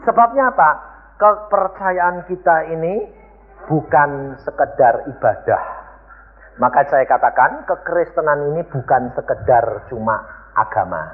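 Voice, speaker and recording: A male pastor preaching a sermon with emphatic delivery, often asking the congregation rhetorical questions. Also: mid-range voice. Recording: echoey hall, thin phone-like sound.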